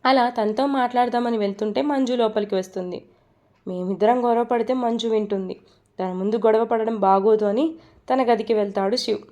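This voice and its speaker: Steady, mellow woman storyteller. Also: a little high, a little fast, lo-fi sound. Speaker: narrator. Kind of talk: storytelling narration.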